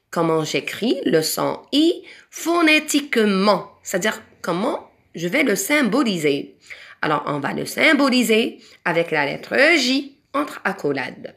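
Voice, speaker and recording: A woman with a Moroccan accent teaching a French spelling lesson to young children, speaking slowly and patiently and drawing out each example word. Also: mid-range voice, creaky, a bit bright. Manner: slow, patient, sing-song, stretches out example words. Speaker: primary school French teacher.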